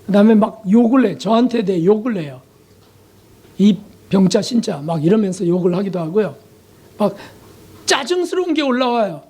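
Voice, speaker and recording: A man's voice: high voice, big pitch swings, a little fast, warm tone. Male pastor, sermon, emotional confessional delivery, rhetorical questions, sudden drops to near silence. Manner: asks the congregation rhetorical questions.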